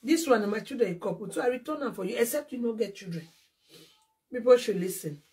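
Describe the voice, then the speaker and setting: A woman's voice: fairly high pitch, animated, fast talker, warm tone. Scolding Nigerian woman, far off the mic. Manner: confrontational, scolding, repetitive. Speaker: live streamer. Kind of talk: angry live-stream rant.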